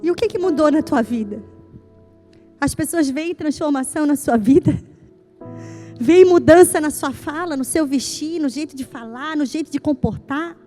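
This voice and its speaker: A woman pastor preaching with a high, bright-pitched voice, hammering her points home through repetition. She slips into lively voiced dialogue as she tells stories, with soft music faintly underneath. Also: normal speed. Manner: emphatic, repeats lines for stress. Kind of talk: sermon. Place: church service.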